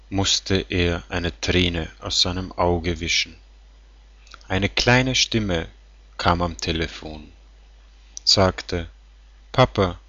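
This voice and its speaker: A man slowly reading song lyrics aloud in a calm, tender, measured way. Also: low-pitched, dry recording. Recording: dull lo-fi sound.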